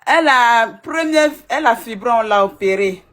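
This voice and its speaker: A woman's voice: fairly high pitch, expressive, moderate pace, a bit bright. A middle-aged woman, recounting plainly on a live call. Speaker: caller's mother.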